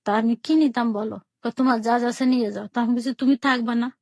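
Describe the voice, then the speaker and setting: A woman's voice: fairly high pitch, steady tone, fast talker, darkish tone, dry recording. A woman from Bangladesh telling her own life story on a radio call-in show, plainly and with many repetitions, acting out every exchange in quotes. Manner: plain spoken, repeats herself, retells each exchange in quotes.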